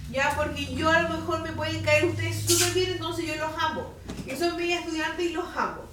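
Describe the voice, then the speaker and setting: A Chilean woman teaching at a Bible institute, sharing a personal testimony in an informal, animated storytelling manner and acting out dialogue. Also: very high-pitched, a little fast, music in the background. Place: classroom. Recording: distant mic in an echoey room, faint hiss.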